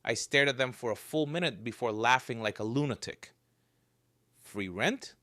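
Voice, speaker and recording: A man narrates a creepy survival tale in the first person, keeping a dry, joking edge even at the darkest moments. His voice sits at an everyday middle pitch. The recording is close and dry, with no room sound. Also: a little fast, dry recording. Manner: wry, joking storyteller with dark humor.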